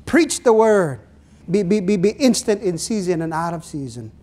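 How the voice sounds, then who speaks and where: Preaching earnestly in a small church, this middle-aged pastor from the Philippines speaks with a Filipino accent and Ilonggo as his native tongue. His high voice has a darkish tone and big swings in pitch as he stretches out phrases and poses questions to his listeners.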